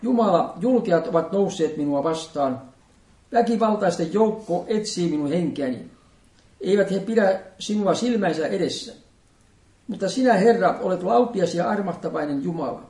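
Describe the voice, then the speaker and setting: A man preaching a sermon, reading scripture in a solemn, measured liturgical manner. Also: sits high, mellow, recorded from a distance. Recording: echoey room, voice from off-mic.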